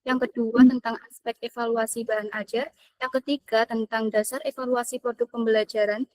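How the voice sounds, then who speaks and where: Young woman, student presenter, formal list-reading, fairly high voice. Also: rough recording. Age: young adult. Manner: formal, reads a list of points. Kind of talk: class group presentation.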